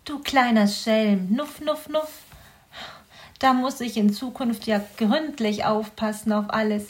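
A woman's voice: on the high side, slow pace. A woman voicing a fussy, motherly hedgehog mother who snuffles between her words, in a children's audio story. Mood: fussed.

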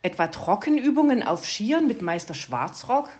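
A woman's voice: medium pitch, big pitch swings, moderate pace, darkish tone, highs cut off, natural voice. A woman reading a storybook and voicing a chatty, nosy female magpie who talks on and on. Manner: talks on and on, fussy.

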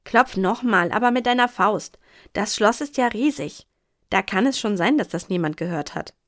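A woman's voice: on the low side, expressive, normal speed, no room sound, studio quality. A woman voicing an impatient, sarcastic young boy in a storybook reading.

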